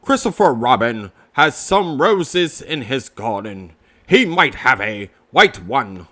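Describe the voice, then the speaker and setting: A man's voice: mid-range voice, sing-song, takes it slowly, a bit bright, no echo, full character voice. A man voicing a pompous, long-winded old owl in a children's storybook. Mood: pompous, chatty.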